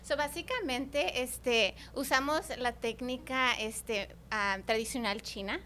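Mujer con español de acento estadounidense, voz aguda. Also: female voice, high-pitched, takes it slowly, pushed and bright, slight background noise. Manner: hesitant, searches for Spanish words, mixes in English. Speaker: placenta encapsulation provider, interview guest. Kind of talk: conversational explanation.

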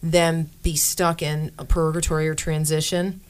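Middle-aged female co-host, animated, acts out quotes, casual chat. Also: low-pitched, moderate pace. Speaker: podcast co-host.

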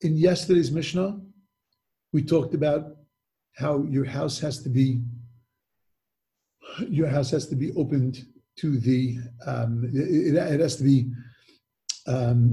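A man's voice: medium pitch, measured pace, long pauses, warm tone. A man teaching a Mishnah lesson, asking rhetorical questions and often restarting his sentences. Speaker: Torah teacher.

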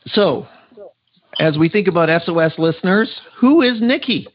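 A man's voice: sits high, lively intonation, normal speed, dull audio, a little hiss or hum. Encouraging male podcast host. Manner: encouraging, with frequent affirmations. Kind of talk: podcast interview.

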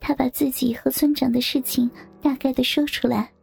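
A woman narrating an erotic story in a hushed, half-whispered reading. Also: sits high, steady tone, brisk, creaky, slightly rough. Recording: faint background music.

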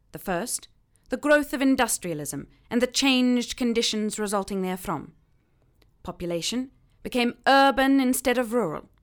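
A woman's voice: a little high, voice pushed up, lightly acted. A woman imitating a formal 1940s Australian woman orator in heightened received pronunciation, with clipped diction and tapped Rs. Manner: clipped, tapped R, precise vowels.

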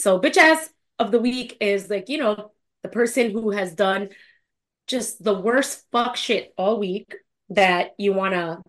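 A woman co-hosting a casual podcast, unhurried in her delivery. She laughs a lot and swears with emphatic, playful outrage at the people she nominates. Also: mid-range voice. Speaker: podcast co-host. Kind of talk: casual panel podcast chat.

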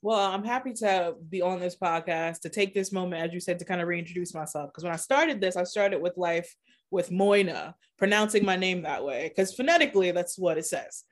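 Give me a woman guest on a podcast talking candidly and with animation, laughing easily. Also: on the low side. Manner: animated, laughs often, shifts between quick and slow emphatic phrasing. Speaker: podcast guest, content creator. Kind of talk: casual conversational interview.

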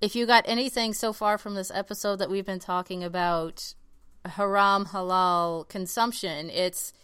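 A woman with a smooth, resonant voice co-hosting a podcast in casual chat. She speaks frankly and emphatically, with casual swearing. The sound is dry and close, with no room echo. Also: medium pitch, fairly even intonation, normal speed, a bit bright. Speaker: podcast co-host.

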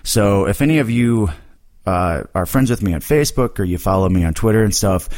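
Casual low-voiced wrestler host. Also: male voice, lively intonation, brisk, a little mellow. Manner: laid-back, swears a lot, laughs easily. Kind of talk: casual podcast chat.

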